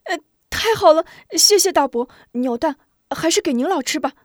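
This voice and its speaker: A woman's voice: a little high, sing-song, moderate pace, dry recording. An eager young village boy from a storybook, coaxing and pleading in a bouncy voice that rises and falls a lot, as a woman puts him on. The recording is dry and close.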